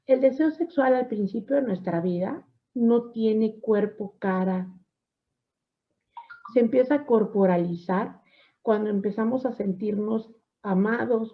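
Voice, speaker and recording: A woman psychology teacher giving a class lecture, often affirming with a soft "ujú" and asking her students questions. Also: medium pitch. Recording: dull lo-fi recording.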